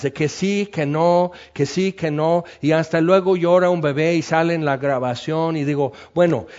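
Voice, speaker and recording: A man's voice: a little high, darkish tone, highs cut off. A man preaching a sermon as pastor, talking in a loose conversational way with many fillers.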